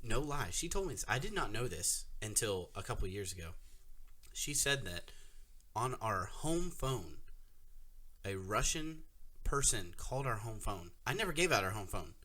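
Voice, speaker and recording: A man with a low-pitched but bright, forward voice tells a story in casual podcast chat. He is animated and laughs often. The talk is loose and unscripted. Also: normal speed. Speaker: podcast co-host. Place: podcast recording, audio only.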